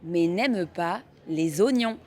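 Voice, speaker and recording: A woman teaching pronunciation in a scripted lesson, enunciating each word clearly. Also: lowish voice, animated, slow pace, a little mellow. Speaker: French teacher.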